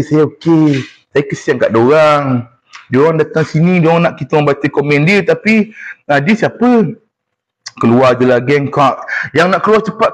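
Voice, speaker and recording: Young man, Malaysian Malay accent, casual live-stream chat, teasing, slightly high voice. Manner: chatty, teasing, reads viewer comments aloud.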